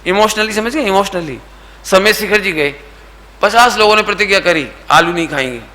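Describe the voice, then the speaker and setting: A middle-aged man giving a sermon to a youth camp, asking his listeners questions, mixing in English words, and now and then slowly singing a line of verse. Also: high-pitched, bright, forceful tone. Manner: asks the audience questions and coaxes answers; sings verse lines slowly. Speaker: Jain preacher.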